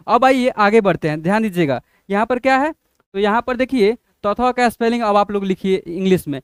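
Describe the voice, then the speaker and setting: A man teaching letters as a teacher, in slow, drawn-out drills that keep asking what each letter makes. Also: high-pitched, clear, resonant tone, no room sound, clean studio sound. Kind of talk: classroom-style lesson.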